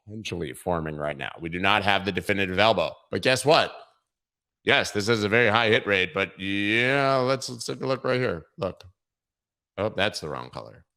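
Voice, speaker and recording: A man's voice: deep voice, fairly bright tone. A man with a worn-out, tired voice hosting a casual crypto market livestream, joking and swearing as he talks through charts.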